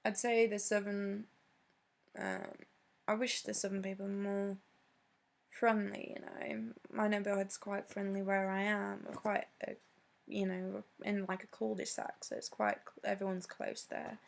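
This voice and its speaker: A woman chatting casually on her vlog, answering questions with lots of ums and pauses. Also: mid-range voice, flat delivery, vocal fry. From Britain. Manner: hesitant, many ums, laughs between answers. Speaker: vlogger.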